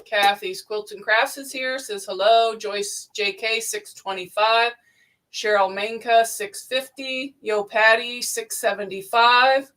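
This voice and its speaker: A woman hosting a casual sewing livestream, briskly reading out viewer names and bid amounts from the chat. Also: on the high side, steady tone, a bit bright. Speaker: livestream host. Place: indoor sewing room.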